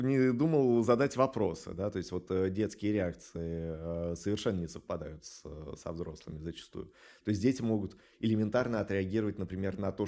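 A man interviewed as an animation studio director explains things haltingly and thoughtfully, with drawn-out hesitations. His voice is fairly low and warm.

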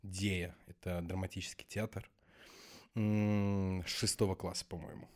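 A man's voice: sits low, little pitch movement, a little slow. A man with a slushy lisp, his s sounds leaning toward sh, chatting casually as the guest in a podcast interview. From Belarus. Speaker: guest, actor and acting teacher.

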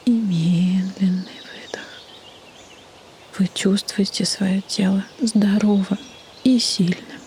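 A woman leading a guided meditation in a soft, breathy half-whisper, with soothing delivery and long pauses. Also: medium pitch, steady tone. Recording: faint background noise, birdsong ambience. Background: birdsong and nature ambience.

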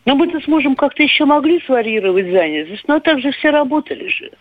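A woman's voice: high-pitched, animated, fast talker, dry recording. An older woman calling in to a radio show, chatting and reminiscing over a phone line. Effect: caller heard over a phone line on the radio. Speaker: radio caller. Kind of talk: call-in story. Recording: tinny dry phone line.

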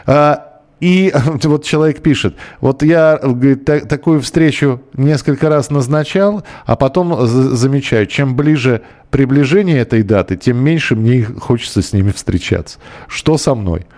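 A man's voice: mid-range voice, moderate pace, a little mellow. Man, talk show host, reads listener messages, conversational, hesitant at times.

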